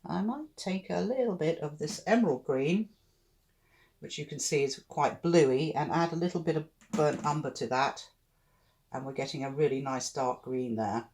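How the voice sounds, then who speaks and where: A British art club tutor gives a relaxed acrylic painting demonstration, thinking aloud and adding cheerful, chatty asides. His voice is medium in pitch with a moderate pace.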